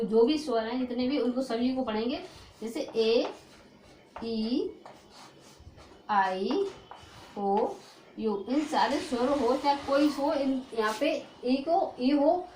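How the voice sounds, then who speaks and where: Female teacher, high pitch, patient drill-style explaining with lots of repetition, recorded in a reverberant room. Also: darkish tone, a little hiss or hum. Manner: repetitive, slowly sounds out letters, keeps checking with "ठीक है". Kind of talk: explaining English spelling rules to students. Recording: echoey room.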